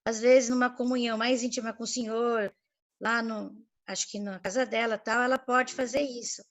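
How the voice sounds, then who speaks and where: A woman with a somewhat high voice speaking up in an online study group. She asks her questions casually, pausing and restarting as she goes. She's heard through a video-call mic. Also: steady tone. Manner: hesitant, informal questioning. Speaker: participant relaying questions. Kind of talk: casual chat.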